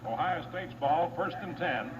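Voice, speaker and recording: Announcer, man, fast-listing names and yardage, muffled old wire recording, steady hiss. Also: fairly high pitch. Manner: brisk, reels off names, yard lines and down-and-distance. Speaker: play-by-play announcer. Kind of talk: live radio football play-by-play.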